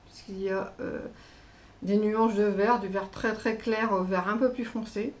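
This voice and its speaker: A woman's voice: mid-range voice, steady tone, unhurried, a little hiss or hum. Chatty French woman unboxing yarn. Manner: chatty, hesitant, lots of fillers. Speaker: craft channel host. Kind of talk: casual unboxing vlog.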